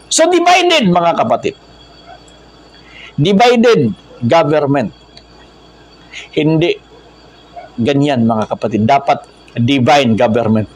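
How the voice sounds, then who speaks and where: A man with a Filipino accent preaching an impassioned sermon. He swings between low, earnest explaining and loud, high exhortation, repeating slogans to his brethren and mixing English words into his speech. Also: lively intonation, takes it slowly, pauses often, low-quality recording. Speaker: religious movement preacher.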